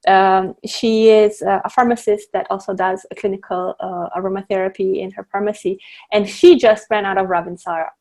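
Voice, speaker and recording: A woman teaching a live online class on blending essential oils. She explains step by step, with frequent fillers and restarts, over a video call. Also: mid-range voice. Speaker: guest presenter teaching essential oil blending.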